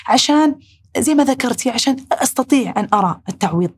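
A woman with a Saudi accent hosting a heartfelt talk, reflecting aloud in rushed bursts. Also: on the high side, animated, husky. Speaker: podcast host.

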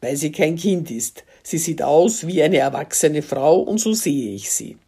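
Woman doing a defensive older man, dark and mellow tone, reading-voice character. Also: low-pitched, animated, measured pace, husky, heavily acted. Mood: angry. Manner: indignant, defensive. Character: older man, touchy, self-justifying.

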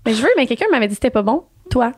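A young woman with a Quebec French accent, co-hosting a podcast in fast, playful casual chat and laughing often. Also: a little high, expressive, breathy edge, dry recording, clean studio sound. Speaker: podcast co-host.

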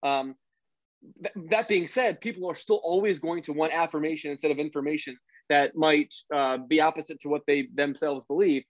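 A man's voice: on the high side, normal speed, no echo. A man from Philadelphia, a sports researcher and guest, explaining things earnestly in casual interview chat and correcting himself often. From Philadelphia, USA. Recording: dry, dull lo-fi audio.

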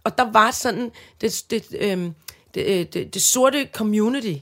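Earnest Danish woman, halting speech. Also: mid-range voice, fairly bright tone. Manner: earnest, halting, many restarts and fillers. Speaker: podcast co-host. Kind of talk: casual chat.

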